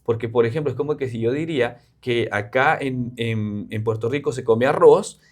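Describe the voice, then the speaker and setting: In an interview, a Peruvian missionary guest explains things earnestly, with frequent fillers and a Peruvian Spanish accent. His voice is medium-pitched and darkish, at a moderate pace.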